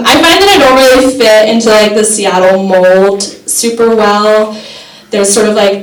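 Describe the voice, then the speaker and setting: A woman's voice: mid-range voice, recorded from a distance. Self-mocking young woman comic on stage. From US Midwest. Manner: chatty self-mocking delivery with many ums. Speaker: stand-up comedian. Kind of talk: stand-up comedy set. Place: comedy class stage. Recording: echoey room, voice from off-mic.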